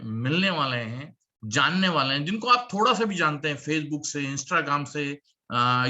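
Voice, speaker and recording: A man presenting a work-from-home opportunity meeting, speaking in an upbeat salesman's pitch with emphatic repetition and calling for applause. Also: sharp tone.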